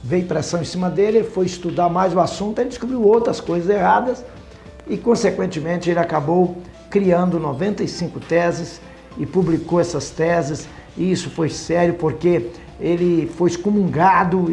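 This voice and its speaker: A man with a Brazilian Portuguese accent giving a Bible study lesson, talking in an unhurried, hesitant way with fillers and restarts. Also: sits high, vocal fry, a little mellow, soft background music. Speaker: Bible teacher.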